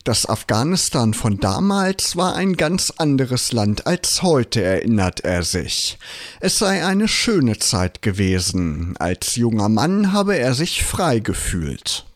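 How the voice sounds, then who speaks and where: A man narrating a news report in a measured reporting tone. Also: mid-range voice, big pitch swings. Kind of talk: scripted narration.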